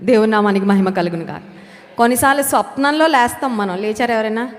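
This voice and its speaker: A woman's voice: on the high side, fast. A woman preaching a sermon who repeats key words for emphasis, puts questions to her listeners and slips English phrases into her talk. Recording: long hall reverb.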